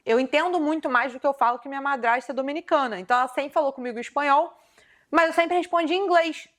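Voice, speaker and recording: A woman from Brazil, hosting a casual chat, telling animated, slangy stories and acting out the dialogue. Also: high voice, fast talker. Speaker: host.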